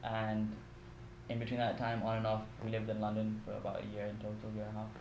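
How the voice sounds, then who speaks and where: A man's voice: fairly low pitch, monotone, fast talker, vocal fry. A man in his twenties from Bahrain, a college student talking casually and self-deprecatingly in a documentary interview, peppered with "like". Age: 20s. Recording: echoey room, faint background noise.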